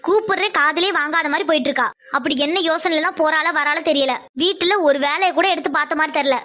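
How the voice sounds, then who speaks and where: Woman playing a short-tempered mother, nagging, threatening, rapid, high voice. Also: pushed and bright. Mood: complaining. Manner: nagging, threatening, shrill scolding. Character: scolding middle-aged village mother, short-tempered.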